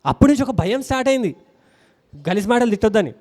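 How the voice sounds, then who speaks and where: Fast, high-voiced preacher. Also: male voice. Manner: animated, acts out quoted voices. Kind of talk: sermon with personal storytelling. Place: church.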